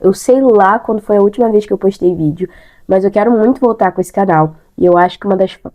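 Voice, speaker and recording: A woman's voice: mid-range voice, dark tone. A young Brazilian woman with a stuffy nose and a bad throat from sinusitis, chatting casually to camera and repeating words for emphasis. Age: young adult.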